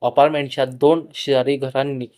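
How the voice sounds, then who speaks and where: Measured male story narrator. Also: mid-range voice, flat delivery, a little mellow.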